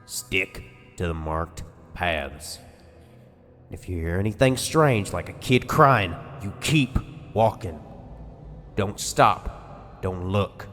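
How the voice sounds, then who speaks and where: A man voicing a gruff older male park ranger who gives slow, grave warnings in a gravelly smoker's rasp. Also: deep voice, expressive, fairly bright tone, heavily acted. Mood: ominous. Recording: long reverb with music behind.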